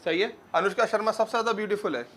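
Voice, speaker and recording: A young man teaching grammar to a class, asking questions and answering them himself, and repeating words slowly to drill them. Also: high voice, a bit bright, a little hiss or hum. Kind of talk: classroom lecture.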